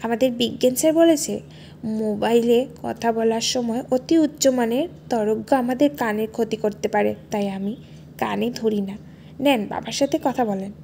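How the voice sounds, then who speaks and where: A woman's voice: on the high side, moderate pace, vocal fry, dark tone, slight background noise. A woman voicing a naive, playful young wife in an audio story, speaking in a sweet, coaxing, innocent way. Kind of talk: storybook dialogue.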